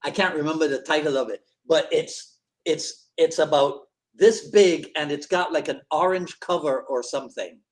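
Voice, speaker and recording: Male host, fairly high voice, easygoing and affirming. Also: normal speed. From Barbados. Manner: easygoing, agreeable, frequent affirmations. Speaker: podcast host. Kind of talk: casual conversation.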